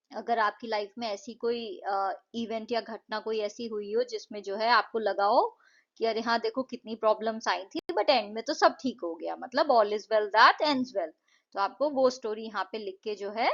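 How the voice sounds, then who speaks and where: Woman tutor, slightly high voice, patient and slow on key words, dull lo-fi recording. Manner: patient, repeats words slowly to show syllables. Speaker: English tutor. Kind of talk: Hindi-English explanation of a textbook lesson.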